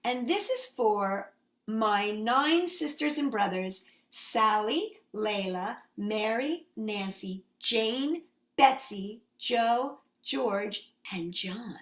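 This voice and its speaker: A woman reads to young children at story time, her slightly high voice moving with lively intonation at an extremely slow pace. Between read-aloud passages and sing-along songs, she talks expressively and asks simple questions.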